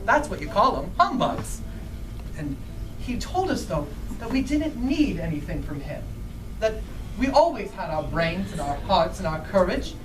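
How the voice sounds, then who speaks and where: A woman playing a friendly, excitable Scarecrow who tells a story live to children and puts questions to the listeners. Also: medium pitch, lightly acted. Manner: animated, asks the listeners questions. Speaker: costumed storyteller. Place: bookstore live event. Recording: distant mic, music behind.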